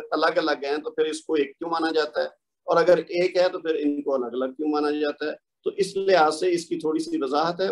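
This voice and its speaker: A man's voice: on the high side, low-quality recording. A man teaching a lesson, patiently spelling out letters one by one and repeating them. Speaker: Quranic Arabic teacher. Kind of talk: explanatory lesson.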